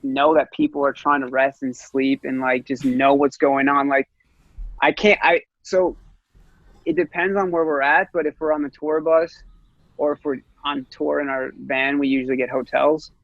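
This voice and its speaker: A man's voice: mid-range voice, fairly even intonation, normal speed, vocal fry, a bit bright, no echo, lo-fi sound. A man in his late twenties, a guest musician chatting casually on a podcast, rambling with lots of fillers and swearing freely. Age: 20s.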